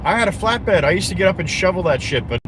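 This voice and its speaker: A man's voice: sits high, quick pace. Rambling New man chatting from his car. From New Jersey. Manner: rambling, self-interrupting, blunt, answers chat viewers. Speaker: live streamer. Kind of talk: casual live-stream chat while driving. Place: inside a car on the road. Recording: steady car road noise. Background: car engine and road noise.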